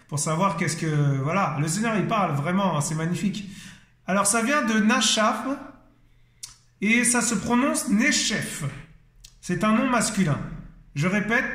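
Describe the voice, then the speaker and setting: A man's voice: sits high, a bit bright. A man teaching an informal Bible word study, enthusiastic and full of exclamations of praise, often hesitating with fillers. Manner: hesitant, many fillers and restarts. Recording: echoey room.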